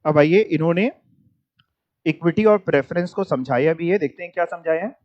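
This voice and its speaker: A man with a fairly high voice teaches a lecture, and the recording is dull and lo-fi. He reads formal definitions slowly. Between them he fires off short rhetorical questions and checks whether everyone has understood. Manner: reads English text slowly, then explains in Hindi with quick rhetorical questions. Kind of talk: classroom lecture.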